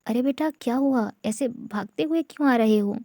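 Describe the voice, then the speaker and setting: A woman voicing a bossy, doting middle-aged mother who scolds her daughter loudly, in a gravelly, dark voice. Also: on the high side, moderate pace, no room sound, studio quality. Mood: concerned. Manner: bossy and loud, shooing her daughter away.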